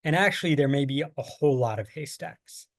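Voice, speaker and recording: An American man with a fairly high, creaky voice and lively intonation leads an online training lecture on survey design, talking fairly quickly. As a workshop presenter, he explains patiently using plain everyday examples. The studio-quality recording has no echo.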